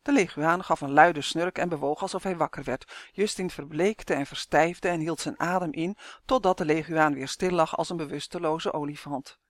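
A woman narrating a children's fantasy story in a measured, expressive way. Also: deep voice, no echo, studio quality.

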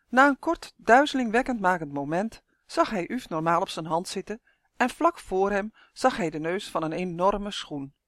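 Storybook narrator, calm and even, middle pitch, dry close sound. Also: dry recording. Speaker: audiobook reader.

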